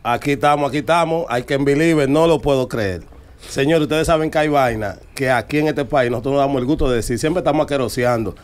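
A man with a Dominican Spanish accent joking as a panelist on a comedy radio show, recorded in a studio on a boom mic. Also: fast talker. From Dominican Republic. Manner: playful, teasing, exaggerated. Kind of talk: joking roundtable banter. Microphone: studio mic on boom arm.

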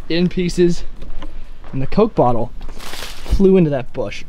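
Young man, slightly high voice, enthusiastic, talks to viewers, outdoors, faint noise. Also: lively intonation, takes it slowly, dark tone. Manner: enthusiastic, addresses viewers directly. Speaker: vlogger. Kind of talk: casual outdoor vlog. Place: outdoors by a house.

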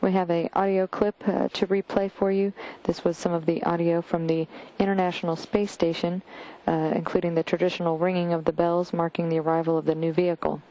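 A woman giving live spaceflight commentary as a mission control announcer, measured and factual. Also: on the low side, flat delivery, warm tone, poor audio.

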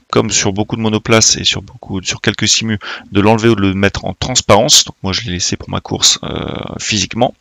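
Sim racing host, man, casual hesitant commentary, gravelly low voice, close dry sound. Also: a bit bright, no echo. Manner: hesitant, many fillers and restarts.

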